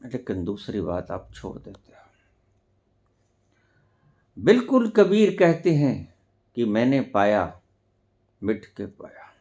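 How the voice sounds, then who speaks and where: A man giving a spiritual discourse as a teacher, speaking deliberately with sudden loud emphatic rises. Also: lowish voice, very animated. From India.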